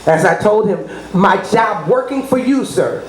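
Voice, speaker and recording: A middle-aged New Orleans business consultant, appearing as an interview guest, promotes her services in a medium-pitched, expressive voice that runs a little slow. She rambles from point to point in a salesy way, dropping names and adding asides about God, in an echoey room with faint noise.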